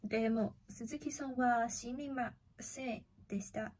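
Brief: student storyteller, woman, slow deliberate pace, fairly high voice, faint noise behind. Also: a little mellow. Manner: slow and careful, with repeats and self-corrections. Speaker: language student telling a story. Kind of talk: storytelling speaking task.

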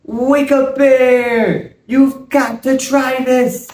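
A man voicing a showy young male squirrel magician, calling out in a drawn-out, booming showman delivery. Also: sing-song, exaggerated voice. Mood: excited. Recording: roomy sound from a distance.

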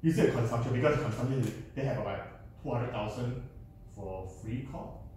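A man joining a casual tech discussion, talking in quick bursts and often restarting. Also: medium pitch, a little mellow. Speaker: audience member at a meetup. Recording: distant, echoey room with noise.

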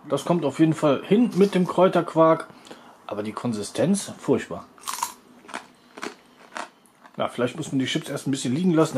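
A man's voice: a little high, darkish tone, a little hiss or hum. A man hosting a food review video, talking casually as he narrates a taste test.

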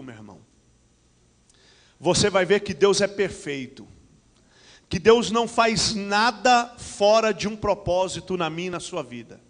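A middle-aged Brazilian pastor speaks into a handheld microphone, his voice pitched high for a man, peppering his preaching with amens and hallelujahs. The sound rings out with a long reverb through a large church hall. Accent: Brazilian Portuguese. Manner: animated preaching with frequent amens and hallelujahs, paces the stage. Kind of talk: church announcements and sermon.

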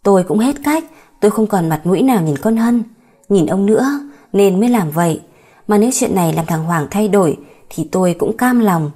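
A woman's voice: mid-range voice, animated, fairly quick, mellow, close to an everyday voice. A woman voicing a harsh, controlling old mother in an audiobook story, dramatic and scolding. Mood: weak.

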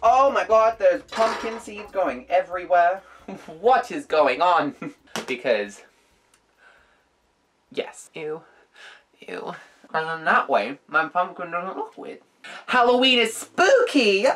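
A woman's voice: fairly low pitch, expressive, takes it slowly, pauses often. A young woman vlogging casually, playful, giggly and dramatic as she chats to the camera. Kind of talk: casual vlog chat.

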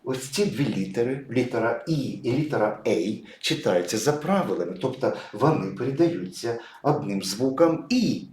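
A male teacher explains English spelling and sound step by step, his pitch rising and falling a lot as he leans on each example word. The room is echoey, with a faint hiss behind him. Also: lively intonation, normal speed, hardly any pauses, darkish tone. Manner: patient, explanatory, stresses example words. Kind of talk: explaining pronunciation at a whiteboard.

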